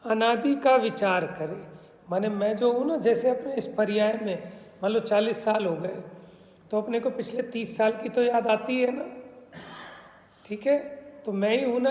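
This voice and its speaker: A man's voice: high voice, unhurried, darkish tone. A man giving a religious discourse, explaining patiently and often checking that listeners understand. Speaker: spiritual teacher. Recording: reverberant hall sound.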